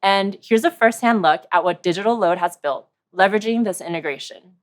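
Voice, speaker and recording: A woman's voice: medium pitch, fairly quick. Woman giving a rehearsed tech presentation. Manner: clear, steady, rehearsed delivery. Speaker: conference presenter. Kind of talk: scripted product presentation.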